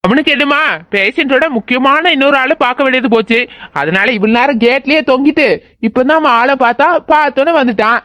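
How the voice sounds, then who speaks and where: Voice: high voice, brisk, sharp tone, dry recording, lo-fi sound. A performer voicing a teasing, joking young man who mocks his friends. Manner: mocking, playful.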